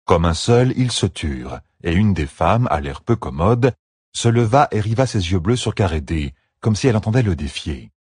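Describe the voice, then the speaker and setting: A man reads a fantasy audiobook in a steady, expressive way, his low, husky voice rising and falling freely. The sound is dry and close. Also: moderate pace, no room sound. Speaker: narrator. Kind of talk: audiobook narration.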